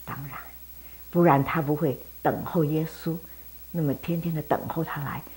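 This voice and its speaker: A woman teaching Sunday school, telling a Bible story in a lively way and talking directly to the children. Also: deep voice, normal speed.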